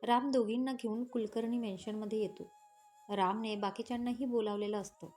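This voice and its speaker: Brief: woman storyteller, fairly high voice, steady scripted narration, faint music behind. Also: fairly quick.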